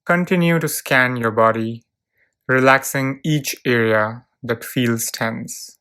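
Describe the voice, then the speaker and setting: This relaxation script comes from a narrator whose voice is medium-pitched, clean, and smooth. Leading the visualization, the speaker goes very slowly and gently, leaving long pauses between brief, calm phrases.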